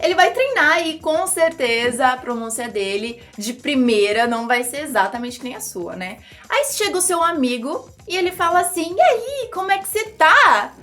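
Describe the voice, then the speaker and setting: A woman's voice: high-pitched, animated, moderate pace, hardly any pauses, fairly bright tone, faint music behind. A young woman from Brazil teaching an English lesson on her channel, chatty and upbeat, acting out little examples in playful voices.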